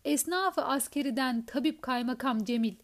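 A woman's voice: sits high, moderate pace, close to an everyday voice. A woman voicing a jovial middle-aged male army doctor, playfully formal.

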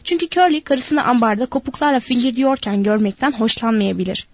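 A woman's voice: on the high side, a little fast. Woman voicing a cold, threatening young ranch wife. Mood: mocking.

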